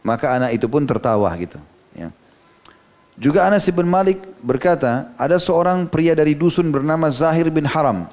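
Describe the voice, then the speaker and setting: An Indonesian Islamic preacher with a higher-than-average, slightly mellow voice delivers a storytelling sermon animatedly at a moderate pace. He explains each quote in plain everyday words, conversationally dropping in frequent "ya" and "gitu" asides.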